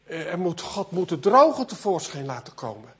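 A man's voice: a little high, very animated, normal speed, breathy edge. A man preaching an earnest sermon, often repeating words as he builds a point.

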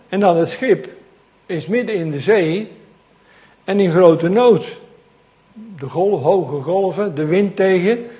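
Lively preacher, slightly high voice. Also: male voice. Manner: lively, conversational preaching with asides to the congregation. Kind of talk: sermon.

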